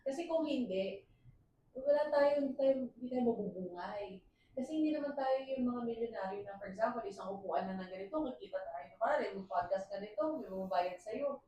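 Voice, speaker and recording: With a medium-pitched voice running a little fast, a podcast co-host in her 30s laughs her way through casual, animated chat, code-switching between Tagalog and English. Because her mic is failing she talks loudly; the room echoes, the mic sits far off, and a faint hiss lingers.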